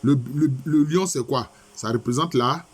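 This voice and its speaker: A man's voice: on the high side, unhurried, breathy edge. A man, a professor, reading passages aloud and explaining them in a lecture, often asking and answering his own questions. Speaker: professor lecturing on Egyptian texts. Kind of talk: lecture with text commentary.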